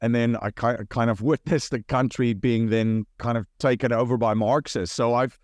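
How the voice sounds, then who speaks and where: Guy from south africa, podcast guest, mid pitch, talks earnest and reflective, dry close sound. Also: fairly even intonation, normal speed, a little mellow, dry recording. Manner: earnest, reflective storytelling with frequent restarts. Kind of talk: conversational interview.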